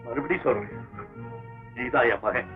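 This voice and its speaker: A man's voice: mid-range voice, normal speed, close to an everyday voice. A middle-aged actor playing a grieving father who begs to be let in to see his wife. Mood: pleading. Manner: pleading, anguished. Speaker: long-lost father. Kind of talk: classic film melodrama. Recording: dull old film soundtrack, faint music.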